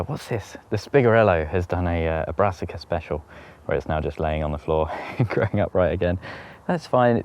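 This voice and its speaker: A man's voice: low-pitched, a little mellow. A man walking round his allotment, talking casually to camera with wry, self-mocking humour. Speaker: allotment vlogger. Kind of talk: casual walk-and-talk. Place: outdoor allotment garden.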